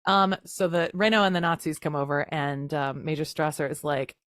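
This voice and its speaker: A woman's voice: deep voice, fairly even intonation, a bit bright, no echo, studio quality. A woman co-hosting a podcast, chatting casually and jokily while recapping a film. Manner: chatty, jokey, acts out lines in quick voices. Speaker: podcast co-host.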